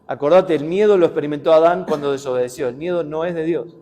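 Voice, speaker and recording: Mellow-voiced preacher with a Rioplatense accent. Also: male voice, fairly high pitch, fast talker. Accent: Rioplatense Spanish. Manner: conversational, with rhetorical questions and anecdotes. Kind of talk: sermon. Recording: long hall reverb.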